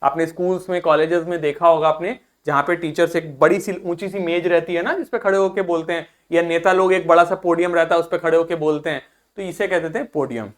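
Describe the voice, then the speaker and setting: A man's voice: fairly high pitch, fairly even intonation, a little fast. A man teaching English vocabulary in a recorded lesson, explaining in Hindi with English terms mixed in, repeating each word and quizzing his listeners. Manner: drills pronunciation by repeating words and quizzing listeners. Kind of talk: classroom-style recorded lesson.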